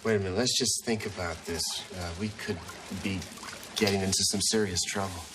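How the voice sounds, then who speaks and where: A man's voice: low-pitched, steady tone, brisk, noisy background, close to an everyday voice. A man playing a wry, sarcastic single dad. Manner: dry, sarcastic wit. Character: wry, teasing middle-aged single dad. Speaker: sitcom lead, a single father. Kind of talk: 1990s sitcom acting.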